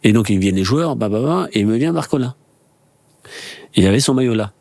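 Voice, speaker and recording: A man around fifty tells a story with a voice that swings widely up and down and has a gravelly, husky grain. He jumps into other people's lines as he goes, restarting and rushing on. The sound is close and dry, with no room around it. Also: medium pitch, no echo. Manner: lively storyteller acting out dialogue, many restarts. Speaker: former footballer, guest. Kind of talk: animated anecdote telling.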